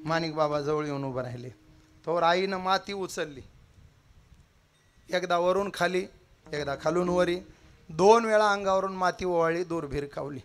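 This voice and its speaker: High-voiced man preaching a kirtan. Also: moderate pace, long pauses. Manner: dramatic, acting out quoted characters with shouted cries. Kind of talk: devotional kirtan storytelling.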